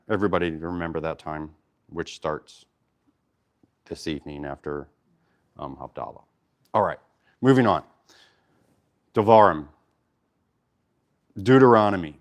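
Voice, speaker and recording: A man leads an informal Torah study. He speaks in an easygoing way, pausing to explain Hebrew words, and leaves plenty of fillers and restarts in his talk. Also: sits low. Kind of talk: casual Bible teaching.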